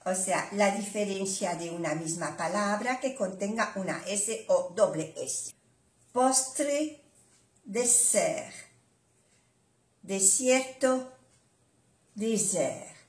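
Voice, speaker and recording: Older lady teaching, super slow, says every word over and over, patient, echoey room. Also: mid-range voice, expressive. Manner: patient, repeats each word several times. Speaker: language teacher.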